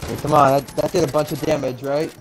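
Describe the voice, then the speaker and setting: A man's voice: fairly high pitch, fairly even intonation, fast talker, a little hiss or hum, low-quality recording. A man playing a co-op game, muttering and exasperated as he talks through the action. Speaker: co-op gaming partner. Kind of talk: casual gameplay commentary.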